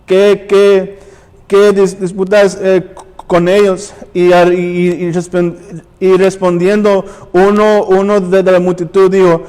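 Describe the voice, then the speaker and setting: A man's voice: high-pitched, flat delivery, takes it slowly, dark tone, smooth, in a large hall. A man preaching and reading scripture aloud, often stumbling and restarting words. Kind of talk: sermon with Bible reading. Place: church.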